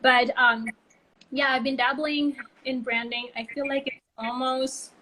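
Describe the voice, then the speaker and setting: A woman from Bali, Indonesia, co-founder of a brand consultancy, chats as a guest in a casual interview over a video call, telling stories packed with "like" and "um." Her voice is high, level, and sharp, and she talks a little slowly. The recording is rough.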